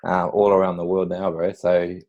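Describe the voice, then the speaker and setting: A man's voice: sits low, monotone, moderate pace, darkish tone, highs cut off. A man with a New Zealand accent hosting a casual interview, asking informal, rambling questions in a matey way. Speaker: podcast host, interviewer. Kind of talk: casual chat.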